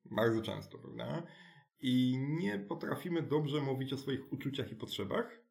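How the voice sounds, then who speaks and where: Gravelly man explaining in halting bursts. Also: medium pitch, lively intonation, darkish tone. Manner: halting, many restarts and tag questions. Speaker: alternative school director, guest. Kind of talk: conversational interview explanation.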